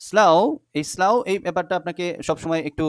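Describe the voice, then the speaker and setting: A young male tutor with a slightly high voice talks students through a poem line by line. He repeats each tricky word slowly and keeps asking if they follow. The sound is close and dry, with no room around it. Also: fairly even intonation, fairly bright tone, clean tone, no room sound. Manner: patient, repeats words slowly, checks in with "okay?". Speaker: English teacher. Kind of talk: classroom lesson explaining a poem.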